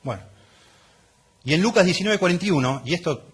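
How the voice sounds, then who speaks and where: Middle-aged Argentine pastor, conversational sermon. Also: male voice, high voice, lively intonation, a little fast, husky. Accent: Argentine Rioplatense Spanish. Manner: conversational, often checks in with the listeners. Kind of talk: expository sermon.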